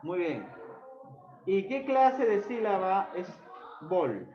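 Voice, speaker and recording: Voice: mid-range voice, sing-song, takes it slowly. A teacher questioning pupils one by one in a classroom lesson, strict and insistent. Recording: roomy dull recording, clear background noise.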